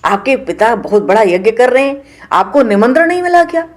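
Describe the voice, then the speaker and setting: A woman voicing cheerful young celestial maidens in a devotional retelling, asking bright surprised questions. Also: a little high, big pitch swings, brisk.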